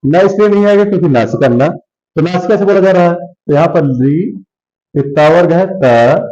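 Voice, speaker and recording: A man's voice: sits high, mellow, muffled recording. A man teaching a classroom lesson, sounding out letters one at a time and asking questions he answers himself. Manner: slow, repeats sounds one by one and asks then answers.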